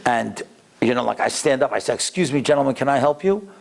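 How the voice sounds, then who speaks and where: A man's voice: medium pitch, animated, quick pace, creaky. A man giving an anecdotal, inspirational religious lecture as a rabbi, acting out dialogue and repeating words for emphasis.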